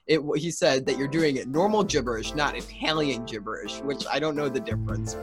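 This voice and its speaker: A man's voice: medium pitch, lively intonation, brisk, over music. A man hosting a podcast, chatting casually in a rambling, hesitant way full of ums and restarts. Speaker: podcast host. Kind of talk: casual chat.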